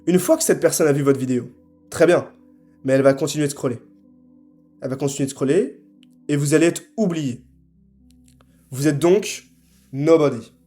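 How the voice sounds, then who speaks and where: A young man giving a scripted sales pitch to camera, assertive and punchy, often tagging his sentences with quick check-ins. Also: dark tone, soft background music. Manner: assertive, punchy, frequent tag questions. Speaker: marketing consultant.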